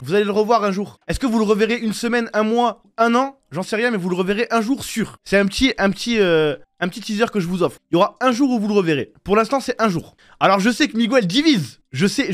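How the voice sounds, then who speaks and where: A man from France streaming live, chatting casually and rambling in slang to his viewers. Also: high-pitched. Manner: slangy, rambling, talks to chat.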